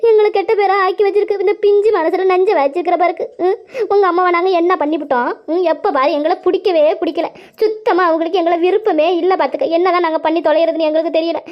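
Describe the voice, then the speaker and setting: A woman's voice: high-pitched, dull audio. A woman voicing a petty, whining younger aunt in a cartoon. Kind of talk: cartoon voice acting.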